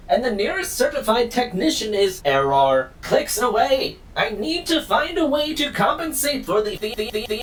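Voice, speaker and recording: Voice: a bit bright, natural voice. An actor voicing a glitchy weather-forecasting robot that talks in stiff formal phrases and stutters when it malfunctions. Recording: distant mic, faint rumble.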